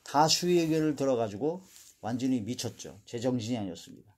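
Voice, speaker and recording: Man teaching from the Bible, mellow tone. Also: medium pitch, animated, a little fast. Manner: reads verses then explains them, trailing off quietly at sentence ends. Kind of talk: Bible exposition, reading scripture aloud.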